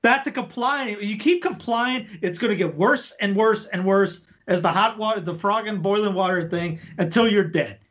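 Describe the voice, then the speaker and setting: Impassioned ranting man, high voice. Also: moderate pace, few pauses, fairly bright tone. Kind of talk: casual talk show chat.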